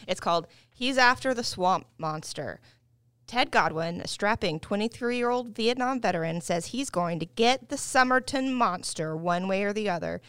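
A woman's voice: mid-range voice, animated, moderate pace, a bit bright, smooth, no room sound. A woman co-hosting a casual podcast, rambling with restarts as she shares and reads out her research. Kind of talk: casual podcast chat and reading aloud.

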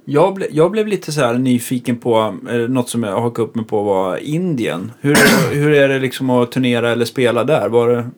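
A man's voice: mid-range voice, hardly any pauses. A male musician chatting casually, thoughtful and loose, full of fillers as he reflects. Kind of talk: casual interview chat.

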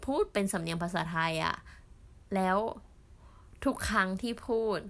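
A woman's voice: mid-range voice, gravelly. Chatty young Thai woman vlogging. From Thailand. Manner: chatty, with many fillers and drawn-out pauses. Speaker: au pair vlogger. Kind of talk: casual storytelling vlog.

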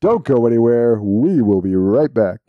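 A man's voice: mid-range voice, big pitch swings, normal speed, no echo, phone-quality sound. A man hosting a podcast in casual chat, with a blunt way of talking. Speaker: podcast host.

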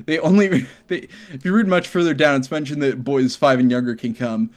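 A man's voice: medium pitch, a little fast. A man hosting a casual comedy podcast, reading forum posts aloud and laughing often. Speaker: podcast host.

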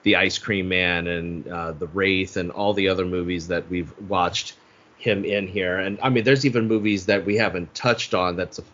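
A man with a low, slightly bright voice and fairly even intonation co-hosts a podcast at normal speed. He chats casually and profanely about a movie, restarting a lot, in dull lo-fi audio.

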